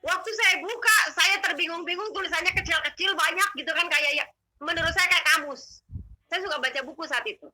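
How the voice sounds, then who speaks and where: A woman telling her testimony as a guest, in animated, emotional, slangy conversational storytelling. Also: extremely high pitch, brisk, poor audio.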